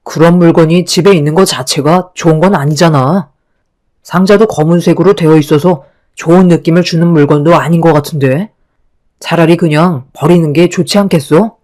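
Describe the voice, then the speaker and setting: A woman voicing a newlywed husband who gently and hesitantly questions his wife in a radio story reading. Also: low-pitched, fairly quick, natural voice. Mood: uneasy.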